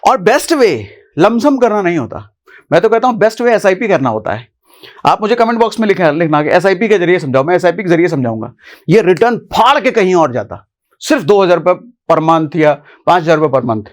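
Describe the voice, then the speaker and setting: A man hosting a casual finance explainer, chatty and animated, talking straight to viewers like a friend. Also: sits high, a little fast. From India. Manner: chatty, animated, often addresses viewers as brother. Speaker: finance YouTuber host.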